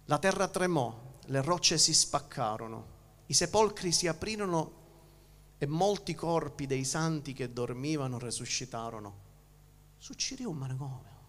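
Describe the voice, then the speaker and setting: A male pastor with a Sicilian Italian accent delivers a sermon, his voice a little high with some vocal fry. He swings from loud emphasis down to hushed near-whispers and often restarts his words.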